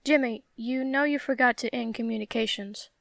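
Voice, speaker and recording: Woman playing a brisk pilot lady on the intercom, gravelly, kinda high, dry sound. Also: steady tone, fairly bright tone, dry recording.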